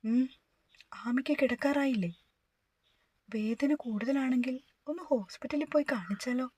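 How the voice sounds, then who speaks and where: A woman reading the part of a timid young woman who pleads softly in a storybook reading. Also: high-pitched, measured pace, slight background noise. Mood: worried. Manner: soft, pleading.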